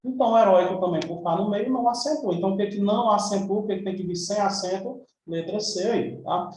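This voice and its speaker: A man's voice: high-pitched, fast, a little mellow, heavy reverb, recorded from a distance, slight background noise, low-quality recording. A man with a Brazilian Portuguese accent teaching an exam review lesson in a chatty, informal way, checking in with his students often. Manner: chatty, informal, frequent tag questions.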